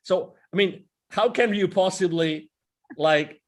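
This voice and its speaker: A man's voice: high voice, slow, background noise. A man co-hosting a casual interview, rambling and enthusiastic, often repeating words. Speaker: podcast co-host.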